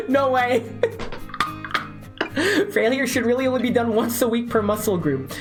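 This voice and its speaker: A woman's voice: a little high, expressive, brisk, music in the background. Joking, profane young woman streamer. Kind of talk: live-streamed game reading and chat.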